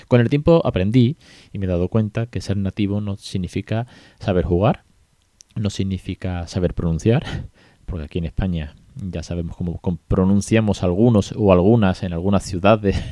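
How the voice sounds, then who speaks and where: A man's voice: sits low, moderate pace, dark tone, no echo, studio quality. A man, hosting a casual podcast and telling a story with chatty asides. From Spain. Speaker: podcast host.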